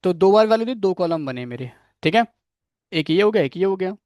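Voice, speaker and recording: On a dry, lo-fi recording, a coding instructor with a high-sitting voice and lively intonation talks fairly quickly. He takes his class through each step, calls on students by name with questions, and keeps checking with "theek hai."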